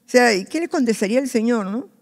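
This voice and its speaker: A woman's voice: fairly high pitch, expressive, fast, a little mellow. A woman pastor with a Peruvian accent preaching a sermon in a church, acting out the worried cries of believers. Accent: Peruvian Spanish. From Peru. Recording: long church hall reverb.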